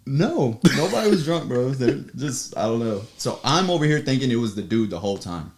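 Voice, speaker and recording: A man chatting as a podcast guest, telling a personal story in an animated way, acting out quotes and laughing often. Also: mid-range voice, fairly quick. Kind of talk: casual storytelling chat.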